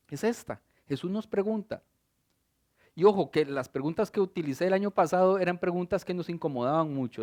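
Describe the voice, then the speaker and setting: A middle-aged male pastor, preaching an expressive sermon and asking the congregation questions. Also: a little high.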